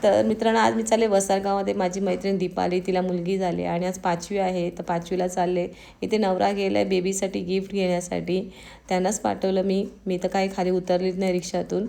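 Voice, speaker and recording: A woman from Maharashtra narrating a casual vlog in a hoarse voice that is giving out, chatting straight to her viewers. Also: mid-range voice, little pitch movement, fairly quick, warm tone. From Maharashtra, India. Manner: chatty, addresses viewers directly. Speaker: vlogger.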